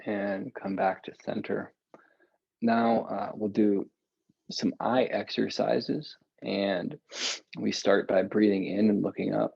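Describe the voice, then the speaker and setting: A man calmly guiding breathing and stretching exercises from a meditation cushion at home, with casual asides. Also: lowish voice, vocal fry, slightly rough, dry recording, lo-fi sound. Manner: slow, calm, relaxed with casual asides. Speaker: meditation and yoga guide. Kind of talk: guided breathing and stretching instruction.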